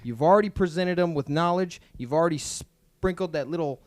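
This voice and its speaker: A man's voice: on the high side, fairly quick, no echo. A young man co-hosting a podcast in casual chat, blunt and dismissive, swearing freely. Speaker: podcast co-host.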